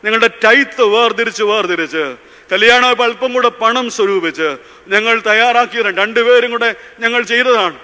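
A priest preaching with fervour in a large hall. His voice is high and very bright, and it stays smooth and clear. A long reverb trails after each repeated, emphatic line. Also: moderate pace. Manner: impassioned, repeats lines for emphasis, mixes in English phrases. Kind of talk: sermon.

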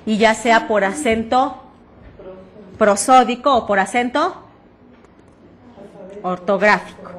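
A woman's voice: fairly high pitch, a little hiss or hum. A woman teaching a reading-aloud workshop with a Mexican Spanish accent, explaining breathing and projection patiently and often checking that her class understood. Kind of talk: voice projection lesson.

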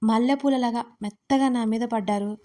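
Woman playing a playful young man, teasing, mock-pleading, fairly high voice, audio storybook. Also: steady tone, moderate pace, mellow, close to an everyday voice.

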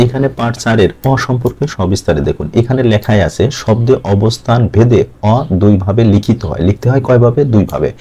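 A man with a Bangladeshi Bengali accent teaching an exam-prep grammar lesson, asking questions and answering them himself and repeating words slowly. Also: on the low side, animated, mellow, breathy edge.

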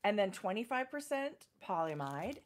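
A middle-aged woman chatting casually as a knitting podcast co-host, explaining her projects in detail with pauses and fillers. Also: mid-range voice, big pitch swings, slight background noise. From Canada. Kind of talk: casual chat.

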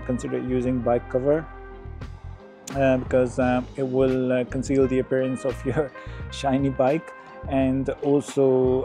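A middle-aged man explaining motorcycle security in a casual vlog, outdoors on a residential street, pausing often with ums and uhs. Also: mid-range voice. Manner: hesitant, many ums and uhs. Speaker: motorcycle vlogger.

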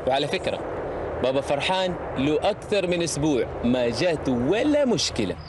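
A carefree cartoon islander. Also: male voice, fairly high pitch, very animated, fairly quick. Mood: dismissive.

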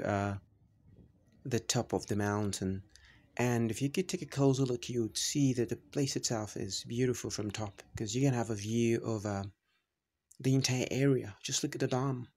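A man narrating a travel vlog, describing the view in a halting way, with many fillers and restarts. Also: medium pitch, darkish tone. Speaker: travel vlogger.

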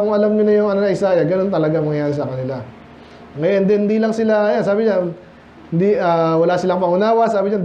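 High-voiced Filipino pastor preaching. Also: male voice, muffled recording, slight background noise. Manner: animated, mixes Tagalog and English, addresses the congregation with rhetorical questions. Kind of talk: sermon. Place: church.

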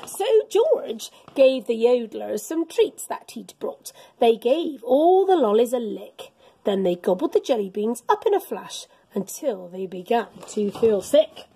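A middle-aged woman with a husky voice on the high side reads a children's picture book aloud in a school classroom, indoors, the way a teacher would. At a measured pace, she tells the story expressively and dramatically, animated, with gasps and whispers.

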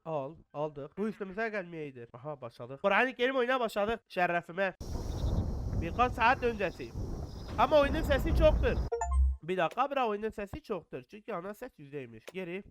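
A man's voice: high voice, a bit bright, slight background noise. A young man, commentating a horror game, jumpy, cursing and muttering prayers when scared. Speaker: gaming YouTuber.

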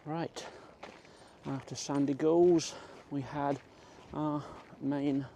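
A middle-aged man vlogs on a casual walk through a country park, his slightly high, dark voice steady in tone, with drawn-out words and vocal fry. Faint outdoor ambient sound is present.

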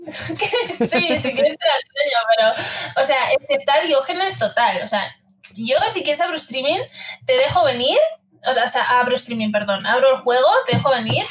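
A woman's voice: high-pitched, normal speed, fairly bright tone, slight background noise. A young woman from Spain with a mixed Spanish accent, chatting casually as a guest streamer, laughing often and using lots of fillers. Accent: Spanish, mixed Madrid, Zaragoza and Andalusian traces. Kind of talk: casual chat.

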